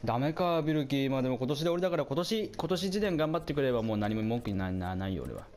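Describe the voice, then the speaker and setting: A man doing casual commentary over a football video game, chatting to his viewers and reacting out loud to the plays, his voice getting hoarse. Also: medium pitch, expressive, very fast. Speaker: gameplay commentator.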